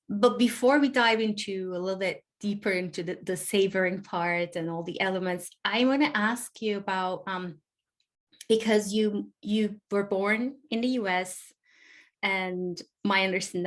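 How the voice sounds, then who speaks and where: A woman from Turkey hosts a podcast interview. She asks her guest a long, curious question, building it up with fillers and restarts. Her voice sits at an ordinary pitch. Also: steady tone, unhurried. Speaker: podcast host. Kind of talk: conversational interview.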